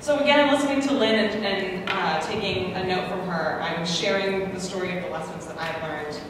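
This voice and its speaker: On a conference panel, a woman from the US talks earnestly, putting herself down a bit and saying um often. Her pitch is on the low side, her pace moderate, and crowd noise can be heard. The audio comes from a distance in a noisy, echoey hall.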